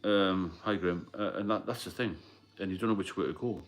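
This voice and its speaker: A man with a low voice talks briskly while hosting a casual livestream. He's plain-spoken and rambling, answering viewer comments as they come in.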